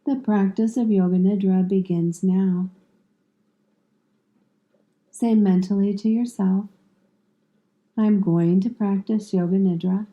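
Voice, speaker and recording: With the high frequencies cut off, the clip features a medium-pitched woman instructing a yoga nidra practice. Her guidance is calm and soothing, spoken in measured phrases with long breaks between them.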